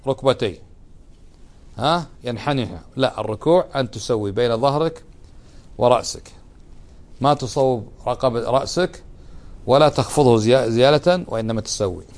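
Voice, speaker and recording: A man teaching a religious lesson, often putting questions to his students. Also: medium pitch. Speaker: Islamic teacher.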